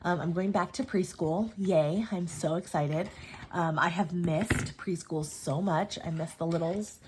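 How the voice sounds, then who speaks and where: The audio is poor, with a little hiss or hum, as a woman with a lowish voice speaks unhurriedly. She runs a planner sticker channel and casually walks through her weekly planner setup while stuffed up with a cold, often saying "um" and backtracking to fix her words.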